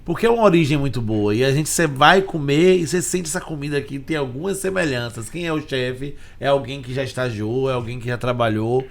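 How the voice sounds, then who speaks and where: A man's voice: medium pitch, fairly quick, vocal fry, few pauses. A man hosting a podcast, enthusiastic and jokey as he introduces and questions his guest. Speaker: podcast host. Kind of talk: casual interview hosting.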